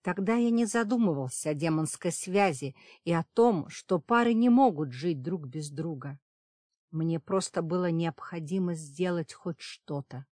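Low-voiced woman narrating a fantasy audiobook. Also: expressive, unhurried, dark tone, no room sound, clean studio sound. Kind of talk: scripted narration.

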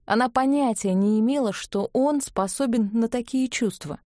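Woman narrator with a mellow voice. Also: a little high, moderate pace, dry recording, clean studio sound. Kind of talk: audiobook narration.

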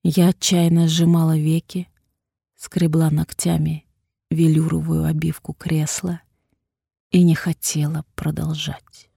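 Female audiobook narrator, dramatic and intense, dark husky tone, dry close mic. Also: sits low, little pitch movement, unhurried, no room sound. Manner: intense, dramatic, hushed at times. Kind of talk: first-person audiobook narration.

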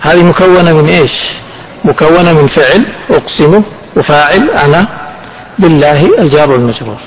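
A man's voice: fairly high pitch, highs cut off, slight background noise. Sheikh teaching, questioning his class. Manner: asks questions and answers them himself, slow and emphatic on key phrases. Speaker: sheikh teaching a fiqh text. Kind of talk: classroom lesson explaining a text.

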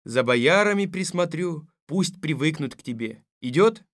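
A gruff, commanding fairy-tale tsar. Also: male voice, on the high side, animated, a little slow, no room sound, studio quality. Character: stern weary fairy-tale tsar, middle-aged man. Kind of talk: audiobook radio play.

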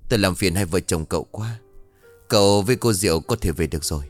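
A man's voice: sits low, fast, faint music behind, close to an everyday voice. A man voicing a worried middle-aged father who soothes and questions his daughter in a ghost story. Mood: polite. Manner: soothing, then scolding.

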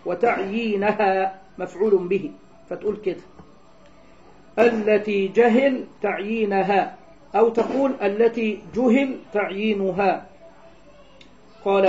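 Egyptian male teacher, high soft-toned voice, lecture recorded on dull lo-fi audio, asks questions and answers them himself. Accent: Egyptian Arabic. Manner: keeps asking his students rhetorical questions, then answers them himself; alternates between reading the text aloud and explaining it in colloquial terms. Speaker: Islamic jurisprudence teacher. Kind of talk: explaining a classical text line by line.

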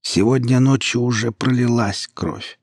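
A man voicing a calm, powerful dwarf sorcerer who speaks slowly and hoarsely. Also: medium pitch, no room sound, clean studio sound, pitched above the performer's own voice. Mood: calm warning. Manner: slow, hoarse, quietly menacing.

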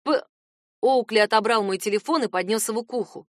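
A woman's voice: mid-range voice, fast, no room sound, studio quality. Woman narrating an audiobook in first person.

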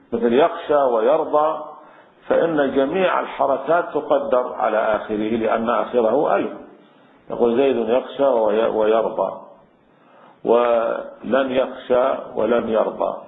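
A man's voice: medium pitch, moderate pace, gravelly. A man teaching classical Arabic grammar, explaining patiently step by step with many fillers. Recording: echoey room on a tinny lo-fi line.

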